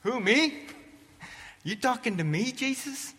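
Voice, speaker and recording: A man voicing an impulsive male fisherman disciple who daydreams out loud and reacts in disbelief, within a sermon. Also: very high voice, takes it slowly, in a large hall, pitched above the performer's own voice, heavily acted. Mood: incredulous. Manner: excited, boastful, incredulous.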